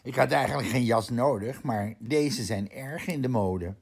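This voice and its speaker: A man's voice: medium pitch, a little slow, darkish tone, breathy edge. A man voicing a fashionable, slightly vain girl dog in a read-aloud children's storybook. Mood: chatty.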